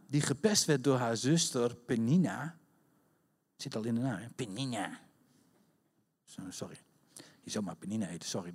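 A man preaching a conversational sermon, acting out quotes and rising to shouts at the high points. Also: husky.

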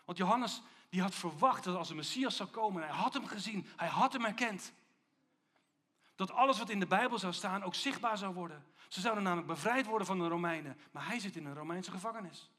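High-voiced man preaching with emphasis. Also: fairly quick, a bit bright. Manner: emphatic, rhetorical questions. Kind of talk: sermon.

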